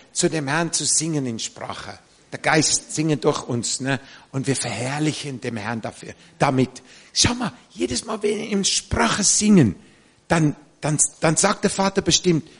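Male preacher from South Africa, husky voice, animated sermon delivery, pitch swinging widely. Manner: animated, warm-hearted preaching with frequent "ne?" asides.

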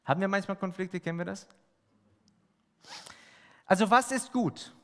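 A man's voice: high-pitched, normal speed, a bit bright. A man preaching a sermon, speaking emphatically and asking the congregation rhetorical questions. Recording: long hall reverb.

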